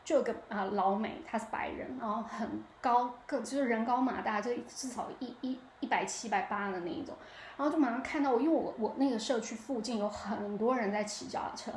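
A young woman with a Taiwanese Mandarin accent, hosting a podcast and telling a story in a lively, chatty way that keeps pulling the listener in. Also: a little high, fairly quick, slight background noise. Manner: animated, keeps asking the listener 你知道吗. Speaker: podcast host. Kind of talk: casual storytelling monologue. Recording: echoey room with faint ambience.

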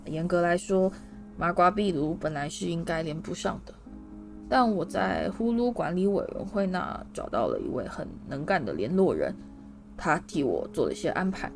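A woman's voice: fairly low pitch, animated, normal speed, vocal fry, soft background music. A woman voicing a kindly, flustered middle-aged wizard father who rambles through apologetic explanations.

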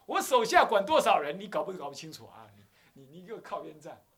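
Guy doing an arrogant old boss type, taiwanese mandarin accent, high swingy voice, bullying a newbie. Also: sing-song, moderate pace, a bit bright. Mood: blustering. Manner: blustering, table-pounding. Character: arrogant senior man scolding a newcomer.

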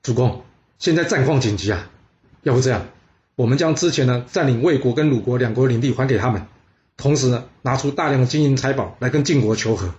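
A cautious ancient minister, as a male storyteller voices him, pleading urgently with his lord. The voice is a plain middle pitch, in spoken history storytelling. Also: a little fast, a little mellow, highs cut off, natural voice.

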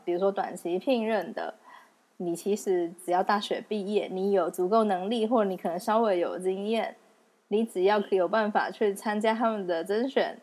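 A young woman with a Taiwanese Mandarin accent talks through her own podcast episode alone, loose and conversational. She pokes fun at herself and laughs easily between thoughts. Her pitch sits in a middle range for a woman. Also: a little mellow. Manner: chatty and self-mocking, laughs often. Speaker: podcast host. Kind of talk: casual solo podcast monologue.

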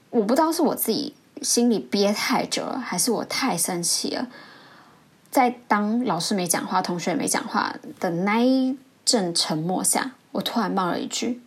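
A woman hosting a podcast, telling a story from her school days in a reflective way and acting out the people she quotes. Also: slightly rough. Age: adult. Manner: reflective, acts out quoted voices with rising pitch. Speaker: podcast host. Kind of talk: storytelling a childhood memory.

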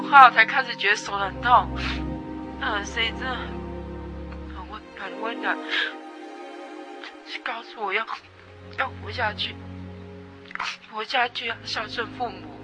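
A young woman from Taiwan, giving a personal testimony in a halting way that repeats words and swings between loud and soft. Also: mid-range voice. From Taiwan, Atayal people. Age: young adult.

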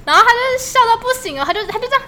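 A woman's voice: very high voice, lively intonation, rapid-fire, pushed and bright, a little hiss or hum. A young woman with a Taiwanese Mandarin accent, co-hosting a podcast and telling a story in casual chat, laughing often. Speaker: podcast co-host.

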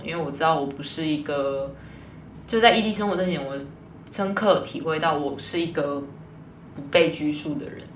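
A young woman, a guest telling a personal story in a rambling, lively way. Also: deep voice, a little hiss or hum. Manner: rambling, lively retelling with quoted dialogue. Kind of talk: casual storytelling in an interview. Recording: distant mic, roomy echo.

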